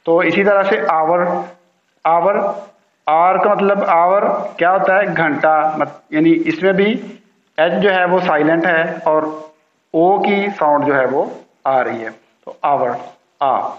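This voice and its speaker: Teacher, male, patient and repetitive, slightly high voice, roomy lo-fi recording. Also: steady tone. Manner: patient, repeats key words slowly. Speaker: English teacher. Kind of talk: classroom grammar lesson. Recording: roomy, dull lo-fi sound.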